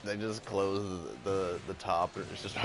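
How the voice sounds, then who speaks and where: A man with a low voice tosses out dry, joking quips during a casual gaming session. Clear background noise sits under his voice throughout the recording. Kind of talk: casual chat while playing.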